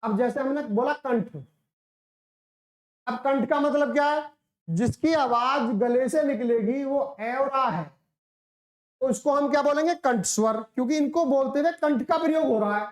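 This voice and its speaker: High-voiced woman teacher in an echoey room. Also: measured pace. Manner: explains step by step, asks questions and answers them herself; demonstrates sounds by drawing them out. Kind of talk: classroom lecture.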